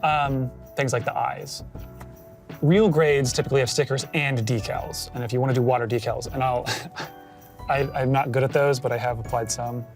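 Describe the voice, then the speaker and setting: Very low, creaky woman explaining patiently. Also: steady tone, normal speed, darkish tone. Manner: patient, explanatory, with frequent ums. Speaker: stream co-host guiding a model build. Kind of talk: casual instructive chat. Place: studio, indoors. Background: lo-fi beats music.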